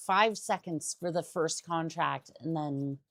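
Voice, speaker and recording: A woman's voice: low-pitched, slow, fairly bright tone, no room sound. A young adult woman streamer chatting casually while playing a game, rambling and often restarting her sentences. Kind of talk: casual gaming stream chat.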